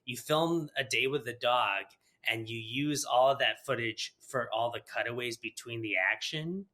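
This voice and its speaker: A man's voice: medium pitch, normal speed, bright, forceful tone. A man hosting a podcast, chatting casually and rambling, with frequent laughter. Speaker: podcast host. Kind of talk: casual interview chat.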